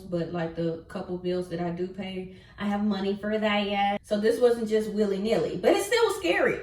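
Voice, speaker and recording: A woman's voice: mid-range voice, a little hiss or hum. Candid young woman chatting to her viewers. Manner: candid, rambling, talks to viewers while doing makeup. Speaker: vlogger and former teacher. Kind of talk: casual chat vlog.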